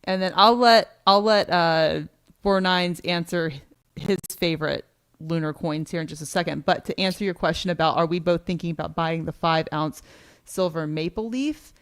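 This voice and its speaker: A woman's voice: fairly low pitch, moderate pace, smooth, no echo, studio quality. A woman co-hosting a casual livestream, chatting and thanking viewers as she reads out donations. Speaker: co-host of a precious metals livestream.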